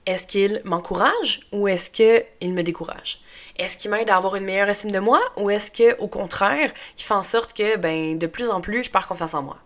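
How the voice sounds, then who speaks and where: A woman's voice: mid-range voice, moderate pace. A young woman with a Québécois French accent talking as a podcast host in a casual motivational monologue, chatty and full of fillers, with English phrases mixed in.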